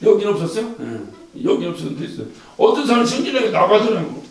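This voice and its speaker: A male pastor preaches with a high, lively voice that climbs and drops freely. He chuckles as he speaks and throws questions to the congregation. He sounds distant from the mic, inside a heavily echoing church hall. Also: fast talker. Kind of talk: sermon. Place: church sanctuary. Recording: echoey church hall from far off.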